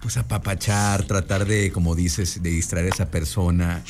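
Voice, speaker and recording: A man hosting a conversational interview, attentive and quick with short agreements. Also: sits low, fairly even intonation, darkish tone. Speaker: host.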